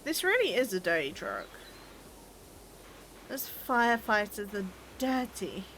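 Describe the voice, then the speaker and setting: A chatty British woman plays a game on stream and reads chat, her mid-range voice very animated, fairly bright and a little slow, with slight background noise. She teases, laughs often, and stumbles and repeats words.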